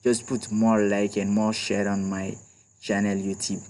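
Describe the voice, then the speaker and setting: Speaking slowly in a lowish, darkish voice with a flat delivery, a man walks viewers through a screen-recorded computer tutorial. As an IT instructor he's chatty, repeats little checks with his audience, and says "d'accord" and "voilà" often.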